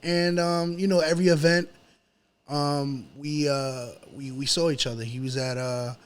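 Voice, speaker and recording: This hip-hop artist from New York City, speaking with the local accent, guests on a podcast and swaps stories in a relaxed interview. His fairly high voice is clear and resonant, steady in tone and normal in speed, full of slang, repetition, "yo" and "you know."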